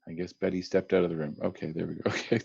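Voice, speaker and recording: A man's voice: low voice, little pitch movement, very fast, gravelly, a little mellow, husky, lo-fi sound. A man emceeing a virtual dinner over a video call, chatty, calling on guests by name. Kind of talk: casual virtual meeting hosting.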